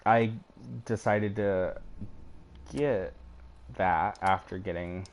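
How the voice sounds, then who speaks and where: Man, gaming host, rambling casual commentary, hiccups, slightly low voice. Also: steady tone, extremely slow, noisy background. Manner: rambling, loose, swears offhandedly. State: has the hiccups. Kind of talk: casual let's play commentary.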